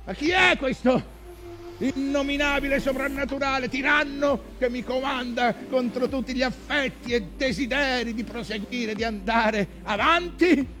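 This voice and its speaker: An older actor playing a weary, obsessed old whaling captain, brooding and defiant, in a declamatory theatrical stage monologue. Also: male voice, extremely high pitch, unhurried, bright, forceful tone, faint music behind, heavily acted. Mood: defiant, questioning. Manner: declamatory, anguished, swinging from murmurs to cries.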